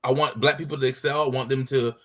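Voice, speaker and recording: A man's voice: mid-range voice, fairly even intonation, quick pace, fairly bright tone. A man from the United States with an American accent, calling in to a talk show and making his case with many hesitations and restarts. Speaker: caller. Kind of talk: casual call-in discussion.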